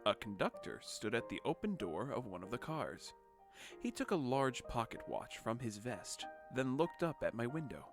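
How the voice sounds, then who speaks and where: A man reading a storybook as comedic parody, mostly hushed and calm, then breaking into crude, sarcastic asides. His pitch moves with a lively, sweeping range, and music plays clearly behind him. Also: moderate pace. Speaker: narrator. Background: background music.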